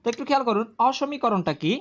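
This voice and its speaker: A woman teaching a grammar lesson to video viewers, explaining slowly and repeating key terms, often asking a question and answering it herself. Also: on the high side, lively intonation, highs cut off.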